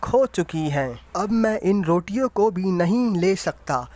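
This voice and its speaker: A man voicing a sick, gentle male donkey in a storybook tale, pleading and apologetic. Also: high voice, lively intonation, measured pace, no room sound.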